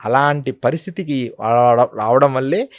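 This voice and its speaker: A man's voice: medium pitch, moderate pace, no room sound, clean studio sound. A man, a yogi guest speaking earnestly in an interview, often acting out quotes. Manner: earnest, storytelling with acted quotes. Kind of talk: devotional interview talk.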